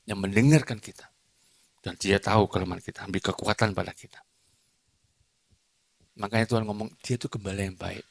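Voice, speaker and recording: A middle-aged evangelist preaching a church sermon. He talks emphatically, swings from loud declarations to quiet confiding asides, and jokes with the congregation. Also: lowish voice, a little fast, creaky, pauses often. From Indonesia. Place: church hall during a service.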